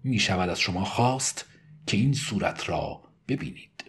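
A tired, gentle prison priest, read by a man in an audiobook, earnest and pleading in a fairly low voice. He speaks softly and urges rather than commands. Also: lively intonation, slight background noise.

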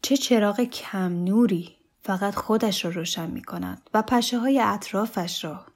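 A woman reads literary fiction aloud at an unhurried, measured pace. Her voice sits at an ordinary middle pitch and carries the scene steadily and deliberately. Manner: calm, measured, deliberate reading. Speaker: narrator. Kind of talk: literary audiobook narration.

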